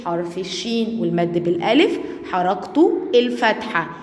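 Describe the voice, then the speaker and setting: An Egyptian woman teaching a first-grade phonics lesson, drawing out sounded words slowly and loudly and praising the class. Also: lowish voice, animated, reverberant, long reverb tail, a little hiss or hum. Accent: Egyptian Arabic. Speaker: primary school teacher.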